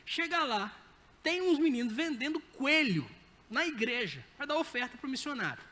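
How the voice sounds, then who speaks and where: A man with a Brazilian Portuguese accent preaching a sermon, telling stories in a lively, humorous way. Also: very high-pitched, moderate pace. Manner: lively anecdotal storytelling with humor. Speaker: pastor. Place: church sanctuary. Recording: reverberant church hall.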